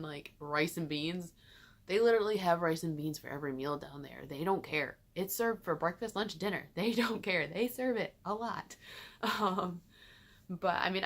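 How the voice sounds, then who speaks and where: Chatty young woman, low-pitched voice. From Michigan, USA. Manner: chatty, filler-heavy, frequent "like" and laughs. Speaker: vlogger. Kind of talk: casual vlog chat. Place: small bedroom indoors.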